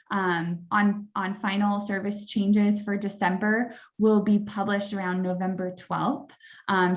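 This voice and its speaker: A woman moderating an online public hearing, speaking unscripted as she runs the session. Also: medium pitch.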